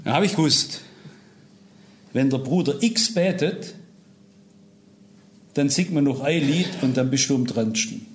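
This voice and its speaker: A middle-aged man preaching a sermon, telling a personal story with animated swings between loud pleading and low, quiet asides. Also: a little slow, long pauses.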